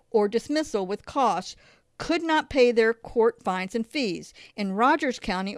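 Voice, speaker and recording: A woman's voice: a little high, clean tone, dry recording. A woman hosting a political podcast, reading articles aloud and adding hesitant asides full of fillers. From Oklahoma. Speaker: podcast host.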